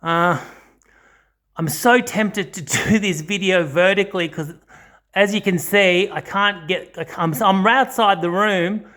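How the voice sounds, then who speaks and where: An audio channel host, a man with a high, bright, forceful voice, speaks a little slowly in a casual, unscripted video walkthrough. He's hesitant and rambling, often correcting himself, and is indoors in a small home study.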